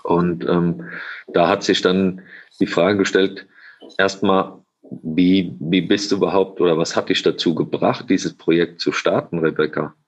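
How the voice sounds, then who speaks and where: A man's voice: low-pitched, steady tone, measured pace, husky, muffled recording. A man hosting a podcast interview, friendly and a little hesitant, with many fillers. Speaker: podcast host. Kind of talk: casual interview.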